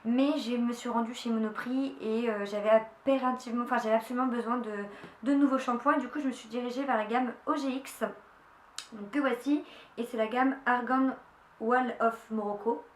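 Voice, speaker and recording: A young beauty vlogger chats casually through a haul video from a room at home, her voice a little high with fairly even intonation and a moderate pace. She's enthusiastic, full of fillers and restarts, and the echoey room carries faint ambience and slight background noise.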